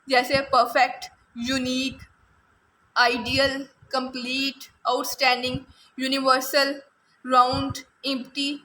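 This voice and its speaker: A woman with a Pakistani accent teaches a grammar lesson, spelling out rules and drilling word lists slowly. Her voice sits high and sounds crisp and bright. A faint noise floor runs underneath. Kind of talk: exam-prep grammar lecture.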